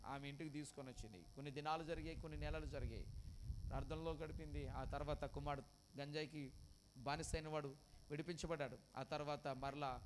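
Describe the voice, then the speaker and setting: A man preaching an emotional storytelling sermon. He repeats phrases, asks the congregation questions, and swings from loud cries to hushed lines. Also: on the high side, steady tone, a little fast, slight background noise.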